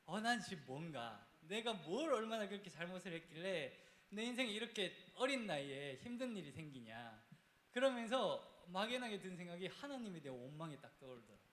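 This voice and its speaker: A high-voiced man tells his story to church youth, his pitch jumping up and down as he talks. He speaks in casual, plain speech. His voice rings around an echoey church hall. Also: sing-song, brisk, fairly bright tone. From Busan, South Korea. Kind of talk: testimony talk to church youth.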